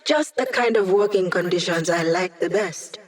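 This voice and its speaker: In a fairly low, natural voice, an actress brings to life a witty young female hacker who supports her team in a video game. Her lines are quick, sly, and wry, teasing her teammates.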